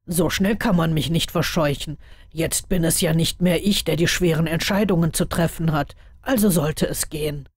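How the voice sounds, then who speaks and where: A woman reading the lines of a tired, thoughtful young male wizard in a lowered, measured voice. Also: husky, no echo, clean studio sound. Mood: subdued.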